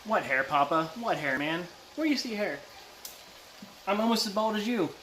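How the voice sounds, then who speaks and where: Man, slightly high voice, casual streamer chat, playful teasing, roomy echo. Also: expressive, moderate pace, a bit bright. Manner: playful teasing, bursts of silly sing-song. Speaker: live streamer cooking. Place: indoor kitchen. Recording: echoey room, background noise of cooking.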